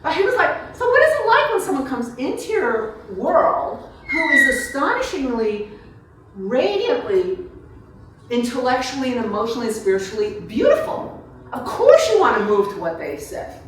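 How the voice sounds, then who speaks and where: At a book reception, a woman author takes questions from a small audience in a casual, digressive Q&A, thinking aloud in animated, broken phrases. She has a high voice with very lively intonation and a normal pace. The room is strongly reverberant, the mic is distant, and there's slight background noise.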